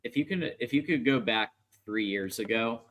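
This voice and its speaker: A man's voice: medium pitch, normal speed, fairly bright tone. A man hosting a casual livestream sports show with upbeat, conversational patter.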